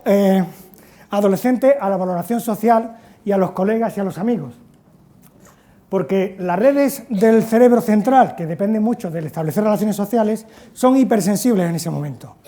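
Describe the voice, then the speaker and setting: A man, giving a lively talk at an education conference. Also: sits high. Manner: lively storytelling, acts out quotes loudly. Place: conference hall.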